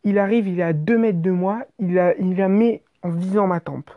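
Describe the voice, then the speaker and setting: A woman narrating an exaggerated comic story in an animated, slangy way, with swearing. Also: medium pitch, moderate pace, narrow, tinny audio.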